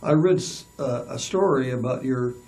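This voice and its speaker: A man hosts a relaxed interview, with a mellow voice. He keeps backing his guest with short affirmations. He sounds a little far from the mic. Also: mid-range voice, normal speed. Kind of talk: casual interview.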